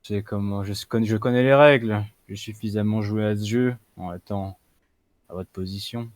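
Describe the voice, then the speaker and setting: A man's voice: lowish voice, fairly even intonation, moderate pace, dry recording, close to an everyday voice. A man playing a sarcastic, weary arrested interrogator who stays nonchalant under questioning in a tabletop game. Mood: sardonic. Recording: music behind the voice.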